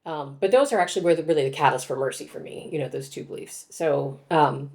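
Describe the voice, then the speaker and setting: A woman's voice: deep voice, fast talker, gravelly, a little mellow. A woman in her forties, a guest author, telling her story in reflective, casual conversation with frequent laughs.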